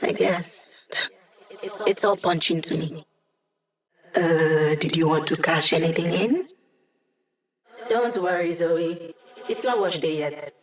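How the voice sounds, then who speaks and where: A young hacker ally from a video game. She is playful and wry. Her delivery is casual, full of teasing asides. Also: lowish voice.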